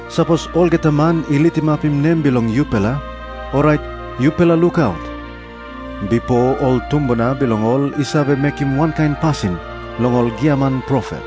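A man with a Papua New Guinean accent reads scripture in a measured, declarative way. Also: mid-range voice. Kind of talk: scripted scripture reading in Tok Pisin. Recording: music behind the voice. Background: background music.

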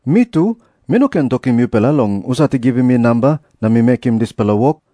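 A man's voice: medium pitch, expressive, fast, dark tone, no room sound, close to an everyday voice. A man with a Papua New Guinean accent playing an authoritative teacher in an audio Bible drama. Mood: firm, challenging. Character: Jesus, an authoritative male teacher and preacher.

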